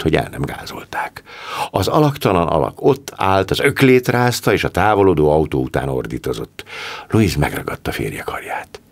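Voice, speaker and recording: A male audiobook narrator with an expressive storytelling manner. His voice is very low and gravelly, with a husky rasp, and his pitch moves lively through each line.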